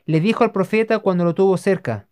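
A narrator giving a steady, measured scripted reading of religious history. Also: mid-range voice.

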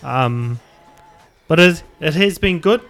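A man with a Māori New Zealand accent chats as a podcast host. His voice sits a little higher than most men's. He feels his way through sentences loosely and hesitantly, over faint music. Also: expressive, slow, a bit bright. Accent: New Zealand Māori English. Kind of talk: casual podcast chat.

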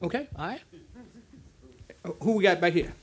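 High-voiced pastor leading a lively discussion. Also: male voice, moderate pace, husky. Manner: animated, repeats "okay" and stammers on words. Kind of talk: interactive church teaching. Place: church sanctuary.

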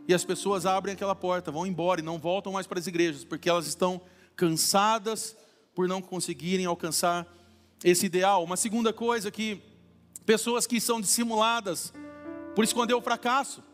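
A man's voice: sits high, steady tone, fairly quick, fairly bright tone. A male Brazilian pastor giving a sermon in a church, chatty and humorous, acting out everyday quotes. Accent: Brazilian Portuguese. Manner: conversational preaching with acted-out everyday quotes. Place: church hall. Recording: reverberant church hall with faint music.

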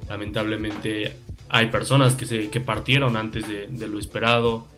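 A man's voice: fairly low pitch, flat delivery, normal speed, fairly bright tone, faint music behind. A man giving a solemn, earnest closing message on a radio show.

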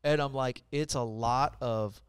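A middle-aged mortgage lender from Puerto Rico, guesting on a casual office-studio podcast, tells energetic stories bluntly and profanely. He speaks unhurriedly in a smooth, medium-pitched voice. The recording is studio quality with no room sound.

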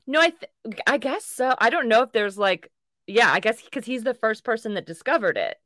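A woman's voice: a little high, very animated, moderate pace, a bit bright, dry recording, studio quality. A woman co-hosting a podcast, chatting loosely and rambling in a giggly casual tone. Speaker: podcast co-host. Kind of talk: casual chat.

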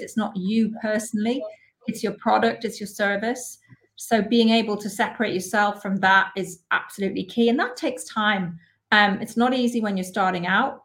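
A woman, a sales expert guest on a podcast, giving clear, structured advice in a conversational way. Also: medium pitch.

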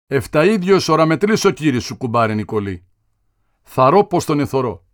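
A man reading aloud and voicing a talkative older villager who flatters his host with coaxing praise. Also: mid-range voice, dry recording, clean studio sound, natural voice. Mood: flattering. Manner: wheedling, coaxing.

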